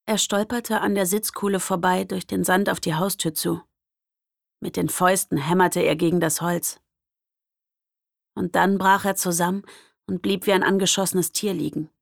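A young woman narrating a first-person audiobook in a lively, expressive way. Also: fairly low pitch, normal speed, gravelly, no echo, clean studio sound.

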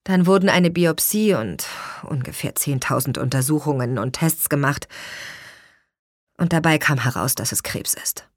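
Woman reading as a buttoned-up grown sister in a storybook, flat and matter-of-fact, low husky voice, dry close sound. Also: normal speed, dry recording. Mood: subdued. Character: adult woman, the narrator's reserved sister. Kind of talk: audiobook reading.

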